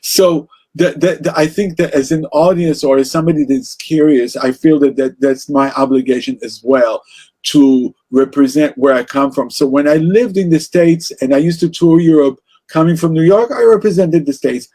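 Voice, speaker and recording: A man's voice: a little high, normal speed, dark tone. A man with an Israeli accent, speaking as an interview guest about music in a passionate, rambling way with many restarts. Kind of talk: casual interview conversation.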